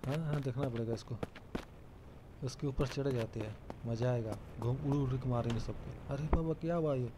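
A man's voice: mid-range voice, moderate pace, background noise. A young man giving casual, chatty commentary on his own gameplay and joking about himself. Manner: chatty, self-mocking, calls out to teammates. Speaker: gamer commentating his play.

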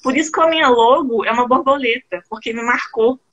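A Brazilian woman in her thirties with a Brazilian Portuguese accent, telling her own story as a career coach in a relaxed live-stream chat. Her voice is bright and sits a little high. She tells it with feeling and laughs often between phrases. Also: fairly quick, breathy edge, muffled recording.

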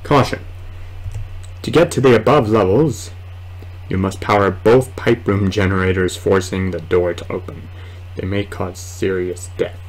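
The clip is a clearly noisy home recording from a small indoor room. In it, a man in his twenties with a low voice and steady tone speaks a little slowly. He is a gamer and video host rambling through casual let's play commentary, muttering hesitantly to himself.

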